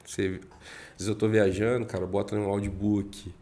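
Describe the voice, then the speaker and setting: A man's voice: lowish voice, little pitch movement, warm tone. A man from Minas Gerais with a mineiro accent, a real estate broker chatting unhurriedly as a podcast guest, dropping in many tag questions. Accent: Minas Gerais Brazilian Portuguese. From Minas Gerais, Brazil. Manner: speaks somewhat slowly, with frequent fillers and rhetorical tags. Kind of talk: casual podcast chat.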